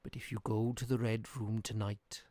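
Grim old man with a withered hand, a man voicing him slow and hushed, dry and close. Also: lowish voice, little pitch movement, no echo, natural voice. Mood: ominous. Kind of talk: audiobook character voice.

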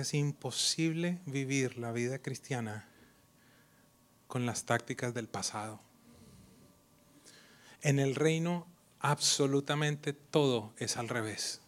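A man preaching a sermon as pastor, swinging from loud, animated delivery to hushed near-whispers and mocking imitations of others. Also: mid-range voice. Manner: acts out quoted voices mockingly.

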